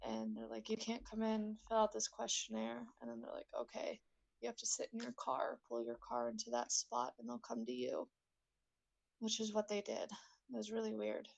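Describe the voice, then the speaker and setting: A woman in her twenties on a phone call, holding the phone away from her mouth so she sounds faint and distant, breathing with effort and talking haltingly with many fillers. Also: on the high side, level tone, gravelly, a little mellow, dry recording. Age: 20s. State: labored breathing, short of breath. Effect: phone held away from the mouth, faint and distant. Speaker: caller. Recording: dull lo-fi phone line.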